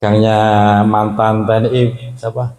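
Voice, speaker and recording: A male preacher giving a Quran study sermon, lively and humorous, talking to the men and reciting Arabic verses slowly. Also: fairly low pitch. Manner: slow drawn-out Arabic recitation. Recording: echoey hall.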